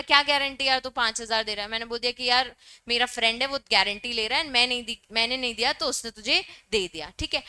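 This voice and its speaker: A woman's voice: sits high, pushed and bright, clean tone. A young woman teaching a law class, explaining with everyday examples and mixing Hindi and English terms.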